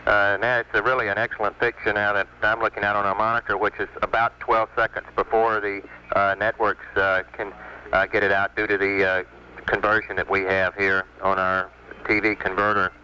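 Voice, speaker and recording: A ground control communicator talking over a crackly headset radio link, halting and full of fillers. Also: male voice, on the low side, little pitch movement, sharp tone. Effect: crackly headset radio transmission. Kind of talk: air-to-ground radio exchange. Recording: muffled radio link with static.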